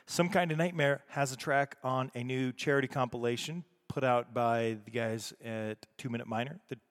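A man's voice: medium pitch, normal speed. Male podcast host, casual band announcements, long garage echo on the voice. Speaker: music show host. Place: indoors in a garage. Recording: echoey garage, long reverb.

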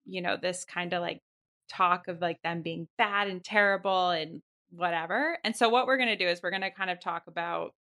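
A woman's voice: on the low side, moderate pace, bright, forceful tone. A woman co-hosting a podcast, chatting in a bubbly, casual way. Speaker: podcast co-host. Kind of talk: casual chat.

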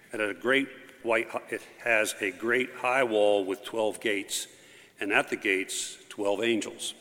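A man's voice: on the low side, pushed and bright. Man reading scripture in cathedral echo. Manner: measured, formal reading pace. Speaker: lector. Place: large church. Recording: long church reverb.

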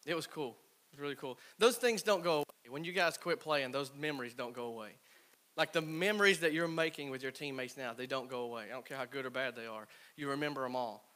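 A man's voice: medium pitch, fast talker. A man in his thirties, a former college ballplayer, telling stories to a team and acting out what his teammates said. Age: 30s. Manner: animated storyteller, acts out quoted teammates. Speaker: former college baseball player speaking to a team. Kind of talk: storytelling talk to players.

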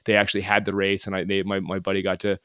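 A man's voice: sits low, completely flat delivery, fast, fairly bright tone, smooth, no echo, clean studio sound. An American man talking as a podcast guest, telling stories in a rambling way with many restarts and "like" fillers. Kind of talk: casual interview chat.

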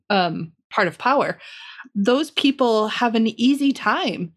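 A woman in her forties co-hosting a podcast, explaining her ideas in a thoughtful, measured way. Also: medium pitch, fairly bright tone. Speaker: podcast co-host. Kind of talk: casual podcast conversation.

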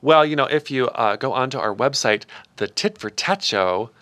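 Campy drag queen guy doing podcast banter, bright theatrical voice, really dry close sound. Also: mid-range voice, lively intonation, normal speed, dry recording. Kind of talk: casual comic podcast chat.

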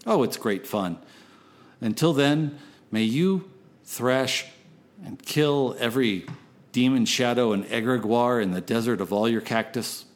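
A man's voice: medium pitch, a little slow. A man working as a late-night radio DJ, rambling between songs in a folksy, theatrical and profane way.

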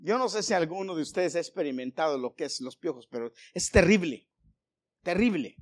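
A man's voice: fairly high pitch, animated, a little fast. A middle-aged man preaching a sermon, telling stories with jokes and calling his listeners brothers. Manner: storytelling with jokes, addresses congregation as brothers.

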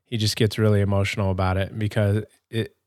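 Male podcast host, young adult, low voice, hesitant chatty delivery. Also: level tone, quick pace, darkish tone, no echo, studio quality. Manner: rambling, hesitant, many fillers and restarts. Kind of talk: casual gameplay commentary.

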